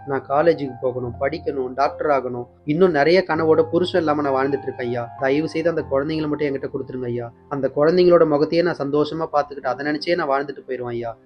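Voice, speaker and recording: A man's voice: fairly high pitch, lo-fi sound, lightly acted. A man voicing a distraught young mother in a soap recap, tearfully pleading to keep her children.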